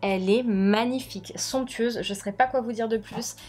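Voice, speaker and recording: A woman's voice: on the high side, steady tone, normal speed, a little mellow, soft background music. A young woman presenting books to camera in a chatty, informal and gushing way. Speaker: book vlogger. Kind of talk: casual book haul presentation to camera.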